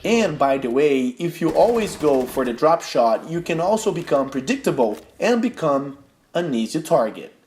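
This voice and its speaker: Speaking at normal speed, a young man from Brazil guides viewers through gameplay tips in a step-by-step voice-over, his high-leaning voice swinging widely in pitch with a darkish tone. Portuguese is his first language, and his English carries a Brazilian accent. Slight background noise runs underneath.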